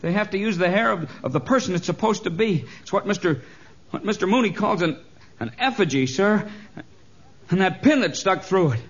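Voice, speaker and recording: A small, superstitious club steward in a vintage radio drama. He stammers and frets, his husky voice jumping around in pitch. The recording is muffled and lo-fi. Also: expressive, fairly quick, heavily acted. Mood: frightened. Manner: stammering, anxious, polite. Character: timid little club steward, frightened and superstitious. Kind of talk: 1940s radio acting. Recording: dull lo-fi old radio recording.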